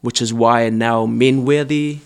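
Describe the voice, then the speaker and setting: A man's voice: mid-range voice, steady tone, a little slow, clear, resonant tone. Hesitant young New man. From born in Samoa, raised in New Zealand. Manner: hesitant, many ums and restarts, earnest. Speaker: dancer and choreographer guest. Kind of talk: casual interview answers.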